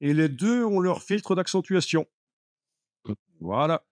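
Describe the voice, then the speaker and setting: A man's voice: on the high side, lively intonation, takes it slowly, darkish tone, dry recording. A man teaching a live Photoshop class, explaining steps patiently with many fillers like "euh" and "voilà". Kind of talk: live classroom software lesson.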